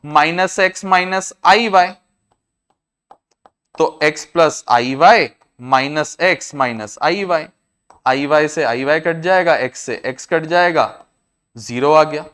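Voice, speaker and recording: A man with an Indian accent teaching a maths class, explaining each step slowly and repeating himself. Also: fairly high pitch, a bit bright, clear, resonant tone. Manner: repetitive, explains step by step, often says "I said". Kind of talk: classroom lecture to students.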